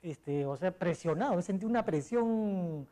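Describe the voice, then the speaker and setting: A middle-aged Peruvian sports columnist, speaking Spanish with a Peruvian accent, tells rambling stories as a guest in a casual interview, full of fillers and restarts. His voice is high-pitched, animated and mellow, at a measured pace.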